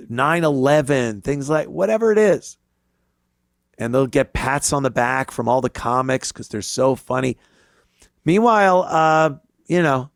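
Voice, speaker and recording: Blunt jaded guy ranting on his talk show, gravelly lowish voice, swears, dry close sound. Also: no room sound. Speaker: talk show host, comedian. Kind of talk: casual opinion monologue.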